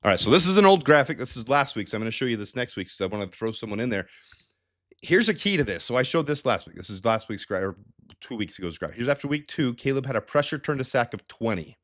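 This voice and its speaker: A fast-talking sports channel host with a mid-range voice breezes through stats on his analysis show. He sounds slightly stuffed-up and nasal from a head cold, and stays energetic and chatty, frequently restarting and going off on asides.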